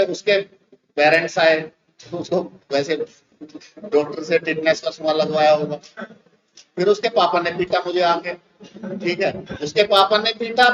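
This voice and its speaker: A man with an Indian accent, a teacher telling a lively anecdote to his class in a classroom. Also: high-pitched, muffled recording. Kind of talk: classroom storytelling.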